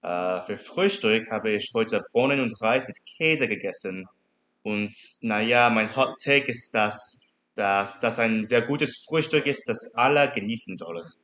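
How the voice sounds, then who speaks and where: Deep-voiced man in his twenties from Louisiana. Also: lively intonation, measured pace, a bit bright. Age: 20s. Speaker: podcast guest. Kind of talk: casual interview answers.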